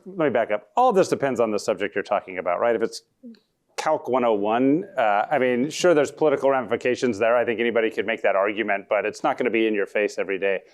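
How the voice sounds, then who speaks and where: At a talk, a deep-voiced law professor on a panel answers audience questions earnestly and conversationally, frequently backing up to correct himself.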